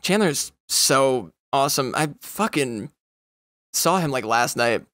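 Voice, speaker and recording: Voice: mid-range voice, lively intonation, measured pace, a little hiss or hum. A young adult podcast co-host chatting casually, rambling and swearing often. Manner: rambling, swears a lot, breaks into loud goofy impressions. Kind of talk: casual chat.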